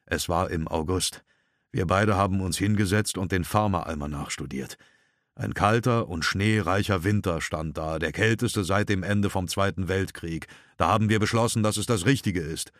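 A man's voice: low voice, moderate pace, fairly bright tone, no room sound, studio quality. A man reading an audiobook, voicing a worn-down, worried middle-aged father who sounds heavy and defensive. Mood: strained weary.

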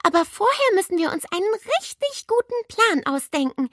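A woman voicing a lively, slightly smug schoolgirl who tells her friends things eagerly. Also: extremely high pitch, normal speed, no echo, studio quality, pitched above the performer's own voice, exaggerated voice. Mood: conspiratorial. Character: lively know-it-all schoolgirl.

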